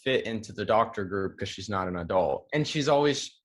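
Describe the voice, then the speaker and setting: A young man from Hawaii talking as an actor guest, relaxed and chatty with casual slang. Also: lowish voice, a little fast. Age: young adult. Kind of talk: casual interview answers.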